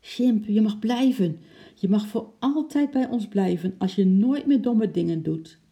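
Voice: medium pitch, expressive, a little slow, gravelly, warm tone, pitched above the performer's own voice. A storybook reader voicing a frightened little girl who pleads in a small, trembling voice. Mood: tender. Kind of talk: storybook reading.

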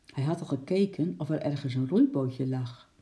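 A man reading a children's story aloud in lively storytelling style, switching into voices for the characters. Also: a little high, moderate pace. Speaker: narrator.

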